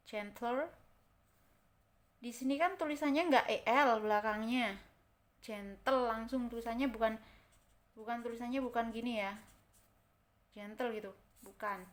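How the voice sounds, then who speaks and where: A woman with an Indonesian accent teaching English grammar. She repeats example words and keeps checking that her listeners follow. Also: a little high. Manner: repeats example words slowly, checks understanding with "kan?" and "oke?". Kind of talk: explaining grammar in a recorded lesson.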